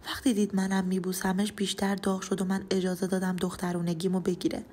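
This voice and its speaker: A woman's voice: medium pitch, a little mellow, slight background noise. A woman narrating a first-person true-life audio story in an intimate, emotional way.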